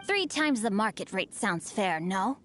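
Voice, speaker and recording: Polished young rich heir, wry and formal, fairly high voice, faint music. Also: male voice, lively intonation, measured pace, fairly bright tone. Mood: composed. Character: refined young male noble heir, witty.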